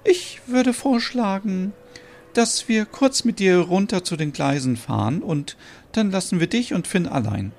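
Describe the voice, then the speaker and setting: A man's voice: high-pitched, expressive, a little slow, creaky, a little mellow, voice pushed up, full character voice. A man voicing a bossy, impatient woman in a podcast soap opera. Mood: calm.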